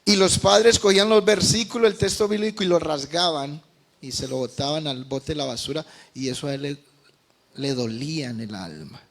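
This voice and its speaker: A Colombian man preaching as a pastor, telling a testimony with passion, moving between quiet and loud. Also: on the high side, moderate pace. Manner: impassioned, swings from quiet to loud. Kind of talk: sermon testimony.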